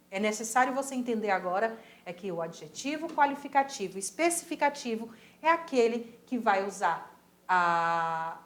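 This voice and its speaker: A woman with a Brazilian Portuguese accent teaching a recorded Spanish lesson, patiently repeating words slowly to model pronunciation. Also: a little high, reverberant.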